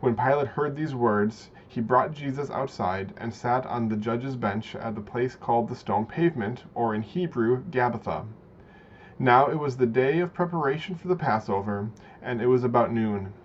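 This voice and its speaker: Man narrating church passion reading, measured, dull lo-fi sound w faint hiss. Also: mid-range voice.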